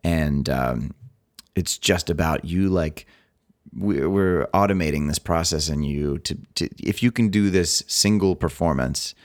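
A man's voice: low-pitched, a little slow. A man co-hosting a podcast, giving earnest advice in a casual chat and riffing playfully. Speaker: podcast co-host.

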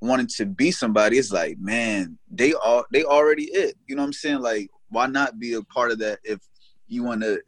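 A man's voice: medium pitch, fairly quick, no echo. A young man talking in an easygoing, rambling way, full of fillers and checks with the listener. The sound is dry and close, with no room around it. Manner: relaxed, repeats "you know what I'm saying". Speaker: guest. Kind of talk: casual faith conversation.

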